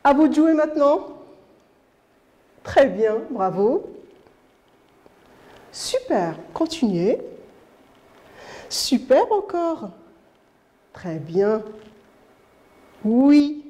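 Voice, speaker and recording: A woman teacher leads young children through a reading lesson, sounding out letters and words. She speaks slowly and with careful articulation. Her voice is mellow and fairly high, and its pitch rises and falls a lot as she cheers the children on. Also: big pitch swings. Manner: encouraging, slow and clearly articulated. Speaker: primary school teacher.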